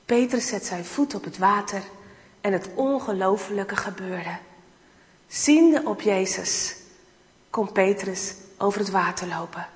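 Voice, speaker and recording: A woman's voice: medium pitch, steady tone, moderate pace. A woman giving an enthusiastic guest sermon, acting out Bible dialogue as she speaks. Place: church hall. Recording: reverberant hall.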